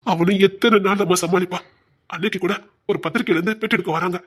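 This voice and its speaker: Tender elder brother, played by a man, Tirunelveli accent, higher-pitched, consoling delivery. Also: steady tone, quick pace. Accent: Tirunelveli Tamil. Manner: soothing, emotional, repeats endearments. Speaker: elder brother in a family drama. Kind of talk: web serial acting.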